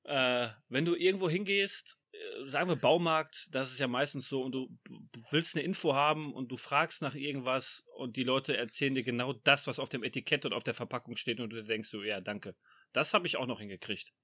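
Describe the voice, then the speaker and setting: A man, co-hosting a casual podcast with deadpan, teasing humor. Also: mid-range voice, brisk, few pauses. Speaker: podcast co-host.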